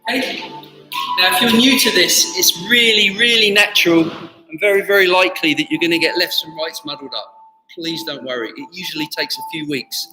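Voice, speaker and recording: A man's voice: a little high, fairly quick. A man instructing a live online tai chi class, reassuring and informal, often repeating his words. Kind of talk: live online movement class, step-by-step instruction and casual chat. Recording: echoey reverberant room, faint music.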